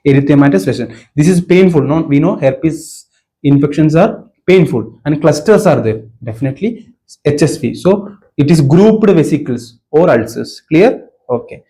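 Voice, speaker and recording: A native Malayalam speaker from Kerala, India, this man teaches an informal medical exam-revision lecture in a Malayali Indian accent, emphatically repeating key words and checking that students understand. His voice is a little high and dark in tone, animated, at normal speed.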